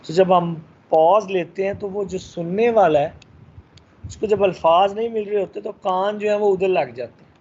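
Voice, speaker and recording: A man's voice: sits high, moderate pace, darkish tone, slightly rough. Male teacher, recorded lecture, many fillers, muffled recording. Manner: lecturing with frequent fillers and English phrases.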